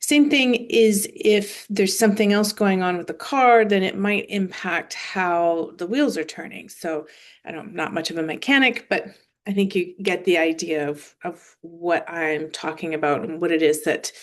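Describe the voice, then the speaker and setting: A woman's voice: fairly low pitch, moderate pace. A woman in her forties, an osteopathic manual therapist, giving a screen-shared presentation and explaining with everyday comparisons and some fillers.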